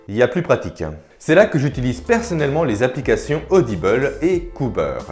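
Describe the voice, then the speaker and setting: A man's voice: mid-range voice, darkish tone. A man giving career advice in a casual vlog, chatting informally and directly to the viewer. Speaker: career coach vlogger.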